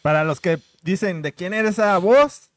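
A man's voice: high-pitched, normal speed. A male podcast host with a Mexican accent, bantering casually with slangy jokes. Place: indoor studio set.

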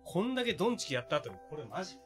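Man, streamer, casual unboxing chat, excitable, somewhat high voice, very animated pitch. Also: very fast, music in the background. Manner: excitable, exclaiming in surprise, rough casual speech.

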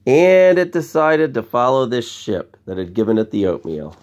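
A man with a mid-range voice and wide pitch swings reads a picture book aloud to children at bedtime, full of expression and dropping in chatty asides and questions for his young listeners. He speaks at a normal speed with a slightly mellow tone, and a faint hiss or hum sits under the recording.

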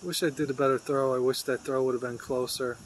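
A man vlogging outdoors as he feeds a wild squirrel, talking earnestly and affectionately, sometimes coaxing in a high pet voice. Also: steady tone, fast, background noise. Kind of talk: casual vlog narration. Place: outdoors near his home.

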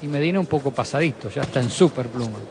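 A man's voice: mid-range voice, quick pace. A man giving conversational live analysis as a boxing commentator. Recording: clear ringside venue noise behind.

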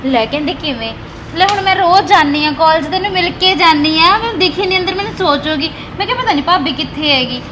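A chirpy young college girl, played by a woman, with a very high voice and quick, eager chatter. Clear background noise and a passing vehicle run behind her. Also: expressive. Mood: chatty. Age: young adult. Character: chirpy young college-going sister-in-law.

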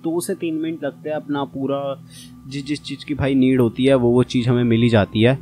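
A man's voice: mid-range voice, flat delivery, a little fast, warm tone, soft background music. A young man giving casual, chatty commentary on his own gameplay and talking straight to his viewers. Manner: chatty, addresses viewers as brother. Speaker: gaming channel host.

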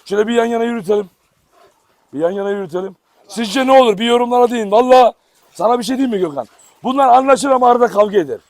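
A man's voice: very high-pitched, fast, no echo. A man hosting a casual dog-farm vlog outdoors, chatting to viewers and coaxing his dogs affectionately. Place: outdoor yard. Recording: noisy outdoor recording.

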